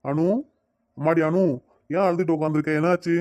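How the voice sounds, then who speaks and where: A man's voice: a little high, little pitch movement, fairly quick, a little mellow, no room sound, lightly acted. A man voicing a protective, scolding father. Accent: Tirunelveli Tamil. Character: protective middle-aged father, quick to scold. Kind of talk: cartoon dialogue.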